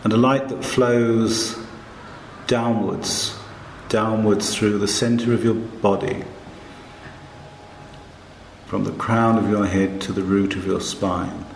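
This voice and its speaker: A man narrating a guided meditation in a calm, hushed, soothing manner, with long pauses between short phrases. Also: lowish voice, vocal fry, roomy sound, slight background noise.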